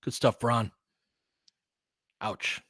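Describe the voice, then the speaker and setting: A fan analyst calls a basketball game live in casual, clipped phrases, alternating between muttered asides and excited calls. His medium-pitched, slightly rough voice goes very slowly. The studio sound is clean, with no room sound.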